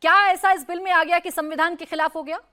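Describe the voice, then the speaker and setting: A woman anchoring a TV news debate, moderating guests firmly and briskly. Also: very high voice, fairly even intonation, sharp tone. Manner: brisk, firm, cuts guests off.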